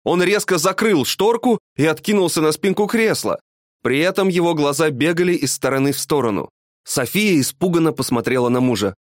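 A man's voice: a little high, a little fast, no echo. Male storybook narrator, dramatic read, dry sound. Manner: expressive, dramatic reading.

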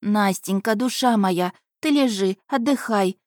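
A woman's voice: medium pitch, measured pace, a little mellow, no echo, clean studio sound, close to an everyday voice. A woman voicing a doting, stout old nanny who fusses and laments over her charge. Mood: fussing. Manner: lamenting, fussing.

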